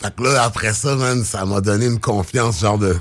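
A man's voice: lowish voice, normal speed. A man with a Québécois French accent, telling stories casually and mixing in English slang, with frequent restarts. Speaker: rapper and podcast guest. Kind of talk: casual chat.

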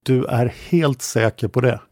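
A man's voice: mid-range voice, a little mellow, no echo, clean studio sound, natural voice. A man reading the part of a male police inspector questioning a witness, repeating answers back as questions. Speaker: interrogator in a read-out police protocol.

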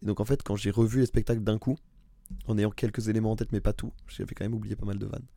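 Homme à la voix grave et chaude. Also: male voice, fairly low pitch, fast, vocal fry, no echo, studio quality. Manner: rambling, restarts, animated about comedy. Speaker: podcast co-host. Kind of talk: casual chat.

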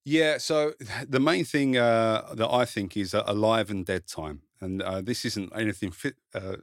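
On the low side and a little slow, his voice comes through in a dry, studio-quality recording. He's from Kent, England, speaking with an Essex-like south-east English accent, and as a content creator and author guesting on a podcast, he chats informally about himself, modest, sweary and full of personal stories.

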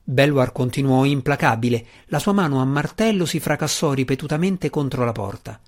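A man reading a fantasy novel aloud as an audiobook narrator, in a steady, measured way. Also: medium pitch.

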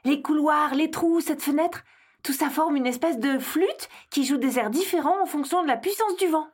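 A woman voicing a bold, brisk young girl who explains things matter-of-factly and teases her friends. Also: high voice, close to an everyday voice. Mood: confident. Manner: brisk, matter-of-fact, teasing.

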